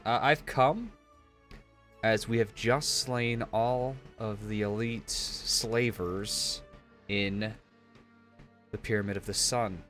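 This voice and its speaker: Man as an earnest frog envoy, formal, low voice, faint music. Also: steady tone, slow pace, long pauses, a bit bright.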